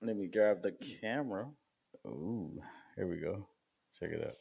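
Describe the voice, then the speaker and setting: Man, fairly low voice, casual host, rambling, cave-like echo, empty room. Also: a little slow, gravelly, husky. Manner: relaxed, rambling, repeats himself. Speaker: show host. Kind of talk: casual livestream chat. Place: empty unfurnished room in his new house.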